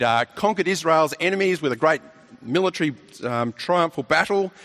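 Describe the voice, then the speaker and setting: A man's voice: a little high, fairly bright tone. A man preaching a sermon, emphatic and full of rhetorical questions, often repeating his words.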